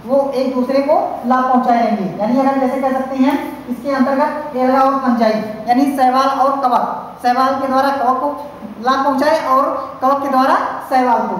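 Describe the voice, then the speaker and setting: A woman teacher with a Hindi-speaking North Indian accent giving a classroom science lecture, explaining with many repeated fillers and restarts. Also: high voice. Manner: repetitive, filler-heavy explaining with frequent restarts. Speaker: college teacher. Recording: very echoey hall, faint hiss.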